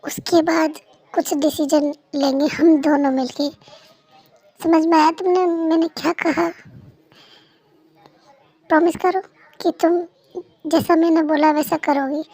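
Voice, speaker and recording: A woman's voice: high voice, mellow, low-quality recording. A woman with a cold voicing an earnest, apologetic young husband in an amateur fan dub, repeating herself insistently. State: has a cold.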